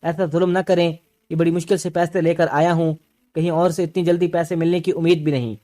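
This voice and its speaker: A man's voice: on the high side, level tone, warm tone, lightly acted. A man voicing a desperate young husband who begs and pleads in an audio story. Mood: pleading. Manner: begging, pleading.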